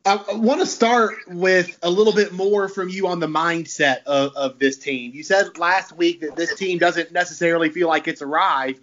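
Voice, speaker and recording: A man's voice: fairly high pitch, a bit bright, lo-fi sound. A man working as a sports reporter, asking long, carefully worded interview questions.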